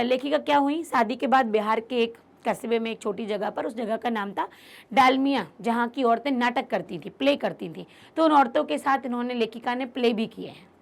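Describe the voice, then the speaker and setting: A woman's voice: sits high, vocal fry. A woman teaching a literature lesson, restating each point in simpler words and putting questions to her students. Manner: explains by rephrasing terms in simpler words. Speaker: Hindi teacher. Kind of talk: online class lecture.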